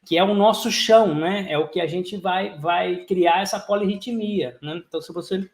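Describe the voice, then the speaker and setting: High-voiced man chanting rhythm syllables. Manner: chants konnakol syllables in quick rhythmic runs. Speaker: drum teacher. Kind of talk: online lecture with sung rhythm syllables. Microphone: video call. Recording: roomy echo.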